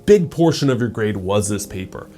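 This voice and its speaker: A man's voice: fairly low pitch, lively intonation, moderate pace, dark tone. A man in his thirties giving a casual, conversational motivational talk as a self-improvement YouTuber, peppering his speech with "like" and "right?".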